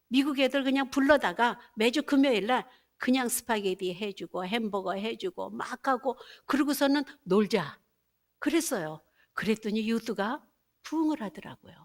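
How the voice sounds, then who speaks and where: A woman pastor in her fifties giving a sermon testimony, telling her story and acting out her own prayers, with English phrases dropped in. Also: on the high side.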